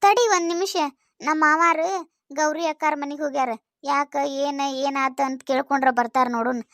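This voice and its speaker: A young village daughter-in-law, played by a woman, who speaks to her elders in a pleading, respectful way with a North Karnataka Kannada accent. Her voice is very high, and the recording is dry with no room sound. It comes from a homemade village comedy skit. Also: fairly even intonation, normal speed, a bit bright, dry recording. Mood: soothing.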